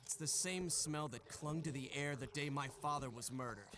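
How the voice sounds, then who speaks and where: Luka, a man voicing a cocky, high-pitched young journalist. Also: normal speed, close to an everyday voice. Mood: defiant. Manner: suave, dramatic, smug. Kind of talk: theatrical video game voice acting. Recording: game audio with clear background noise.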